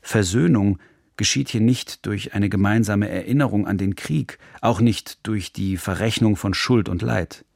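A man reading a scripted radio documentary narration in a measured, serious manner, recorded in a studio. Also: fairly low pitch, creaky, a little mellow, dry recording.

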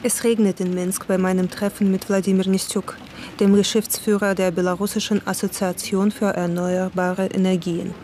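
A woman reporter giving measured documentary narration in a calm storytelling manner. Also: mid-range voice, slight background noise.

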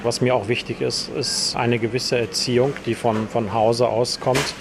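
A man's voice: medium pitch, level tone, unhurried, vocal fry, noisy background. A man, a store owner, explaining his views in a conversational interview. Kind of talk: interview statement.

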